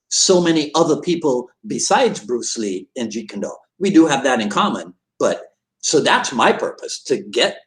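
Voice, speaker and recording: On poor-quality audio, a man with a medium-pitched voice hosts a martial arts podcast. He keeps things cheerful and talkative, kidding around with his audience during relaxed interview chat before signing off.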